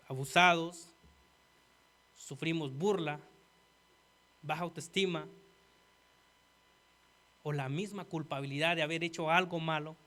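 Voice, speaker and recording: A man preaching a sermon earnestly, talking straight to the congregation and swinging from quiet asides to loud emphasis. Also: a little high. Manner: earnest, addresses listeners as "hermano".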